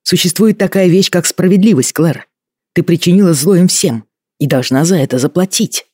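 A man reading a stern young husband, even-toned. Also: sits high, normal speed, slightly rough, dry recording, studio quality.

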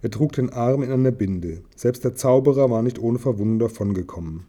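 A man reading a novel aloud in a calm, even storytelling manner. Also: mid-range voice, brisk. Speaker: audiobook reader.

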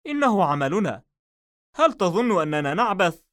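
A man reading an audiobook novel, voicing a calm, confident male police detective in a raised voice. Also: moderate pace. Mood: calm, firm. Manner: calm and assured, slightly raised pitch.

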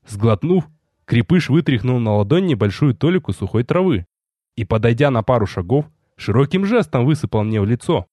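A man narrating an audiobook in a measured, expressive way. His voice moves lively up and down in pitch and sits mid-range. The recording is dry and close. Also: dry recording. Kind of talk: scripted first-person narration.

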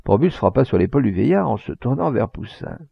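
A man narrating a literary audiobook, expressive, with occasional hesitations. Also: mid-range voice, fairly quick, creaky, husky, no room sound. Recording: dull lo-fi recording.

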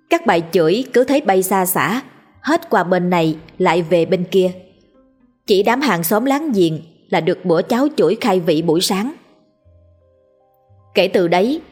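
A woman narrating a village story in a lively, colloquial storytelling manner. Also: on the low side.

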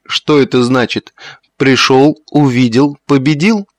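A man's voice: mid-range voice, steady tone, a little slow, dry recording, natural voice. A man voicing a jovial older father in an audiobook, teasing the young women.

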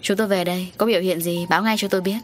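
A stern police officer fires off questions in a brisk, serious tone in a storybook reading. A woman reader plays him. Soft music plays faintly behind. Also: on the low side, steady tone, lightly acted.

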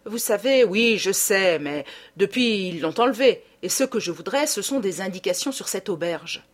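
A woman's voice: mid-range voice, lively intonation, moderate pace, close to an everyday voice. A woman voicing a middle-aged male examining magistrate who presses with questions, in an audiobook. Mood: pressing.

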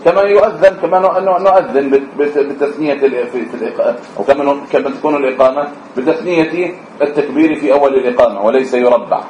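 A man's voice: medium pitch, fast, hardly any pauses, darkish tone, slight background noise. Male religious teacher, lilt, quizzes class, muffled echoey recording. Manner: sings out short examples, asks students questions. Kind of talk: classroom lesson on the call to prayer. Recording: echoey room, slightly dull sound.

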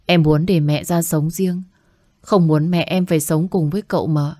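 A humble young medical student voiced by a woman reader, pleading softly and politely. Her voice is low. The recording is dry and close. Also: steady tone, normal speed, dry recording. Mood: earnest.

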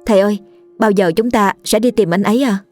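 A woman voicing a quick, anxious young village woman who asks eager, worried questions. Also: medium pitch, a little mellow, soft background music, voice pushed up, natural voice.

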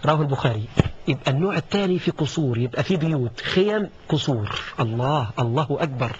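A man preaching a colloquial sermon with an Egyptian accent, dramatic, dropping to a hush and then building to loud exclamations. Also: on the high side, expressive, fast talker. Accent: Egyptian Arabic. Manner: dramatic, swings from hushed to rising exclamations. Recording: dull lo-fi recording with faint noise.

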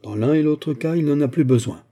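A man reading the part of a proud, hot-tempered aging musketeer captain in an audiobook, with sharp, indignant retorts. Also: fairly high pitch, a little fast, voice pushed up, close to an everyday voice.

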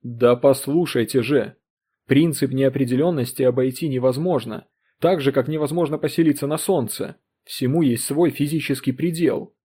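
A man's voice: medium pitch, moderate pace, warm tone, breathy edge, lightly acted. A man voicing an intense young physicist in an audiobook reading, urgent and insistent. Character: intense young male physicist, obsessed inventor.

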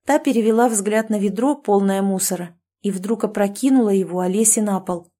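A woman narrating a novel in a steady, even storytelling voice. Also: mid-range voice, brisk. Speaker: audiobook narrator. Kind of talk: scripted narration.

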